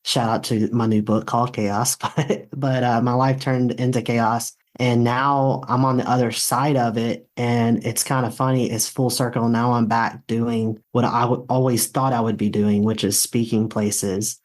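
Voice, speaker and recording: A young man from South Georgia, a guest on a podcast, telling his story in a relaxed, good-humored way. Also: mid-range voice, a little slow. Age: young adult. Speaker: guest, author and speaker. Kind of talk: casual interview.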